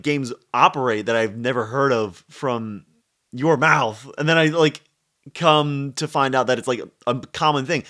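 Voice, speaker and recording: A young man co-hosting a casual podcast, talking in an excitable, rambling way full of restarts. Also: mid-range voice. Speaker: podcast co-host. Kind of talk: casual chat.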